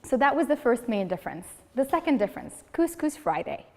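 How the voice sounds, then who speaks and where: Her voice sits high and her delivery is brisk. A Moroccan woman in her 30s is giving a humorous prepared speech in a speaking club's meeting room, animating her stories by acting out the people in them. Everything rings with a long hall reverb.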